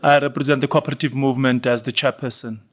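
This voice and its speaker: A man's voice: mid-range voice, flat delivery, fast talker. Hesitant man from Botswana introducing himself. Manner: hesitant, with fillers and easy laughs. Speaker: cooperative movement chairperson. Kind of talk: self-introduction at a conference.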